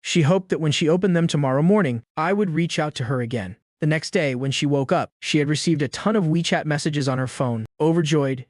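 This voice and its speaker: A man tells a comic story recap in a steady, even way. His voice sits a touch higher than most men's. The sound is close and dry, with no room around it. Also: dry recording. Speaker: narrator. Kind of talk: scripted story recap narration.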